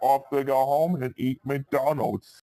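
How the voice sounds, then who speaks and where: A man's voice: medium pitch, steady tone, slow pace, dark tone, dry recording. A man improvising a storytime, rambling and restarting his sentences often.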